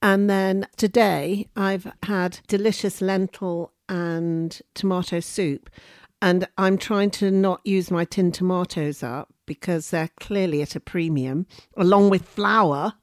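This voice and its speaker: A middle-aged woman, co-hosting a casual chat, effusive and warm, calling people darling. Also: on the low side, fairly even intonation, takes it slowly, no echo, studio quality. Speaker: podcast co-host, mother.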